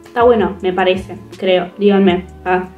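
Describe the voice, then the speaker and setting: Excitable Rioplatense teen girl vlogging. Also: on the low side, muffled recording. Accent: Rioplatense Spanish. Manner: excitable, rambling, fast-changing expressive delivery. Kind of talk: casual chat to camera. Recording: echoey room with faint music.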